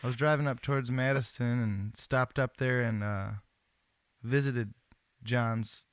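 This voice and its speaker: Laid-back man with a smooth, dry voice. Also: medium pitch, steady tone, a little slow, no echo. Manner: laid-back, earnest, slangy, swears. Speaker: host. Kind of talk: casual phone chat.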